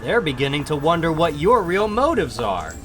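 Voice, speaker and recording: A man's voice: on the high side, big pitch swings, moderate pace, a bit bright, soft background music. A man playing a wisecracking young superhero, quippy and theatrical, in a dramatic comic book reading. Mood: sly. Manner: quippy, self-narrating, theatrical. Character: wisecracking teenage male superhero, cocky but hard-luck.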